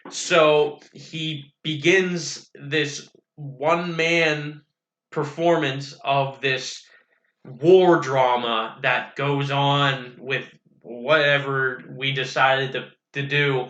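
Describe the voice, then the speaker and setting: Bright-voiced young man, roomy lo-fi. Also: mid-range voice. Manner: animated storytelling, quick bursts. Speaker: podcast co-host. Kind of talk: casual chat. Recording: roomy, dull lo-fi sound.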